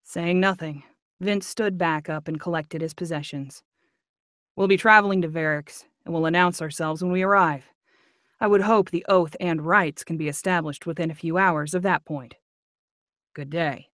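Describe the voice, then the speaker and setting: Woman narrator reading then joking around, kinda low voice, dry close sound. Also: steady tone, moderate pace, fairly bright tone, no echo. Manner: playful, laughs easily. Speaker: audiobook narrator. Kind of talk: live reading and casual chat.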